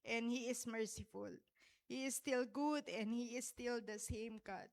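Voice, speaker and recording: A woman's voice: fairly high pitch, measured pace. A woman, sharing a heartfelt message at a church service and often checking in with her listeners. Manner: heartfelt, tag-questioning, tearful in places. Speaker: church speaker.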